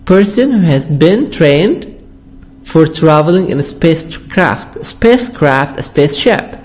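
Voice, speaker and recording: Arabic-speaking male English teacher, slow, higher voice, repeats each word for drilling. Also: sing-song, a little mellow. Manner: repeats words slowly to drill pronunciation. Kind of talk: vocabulary lesson explanation.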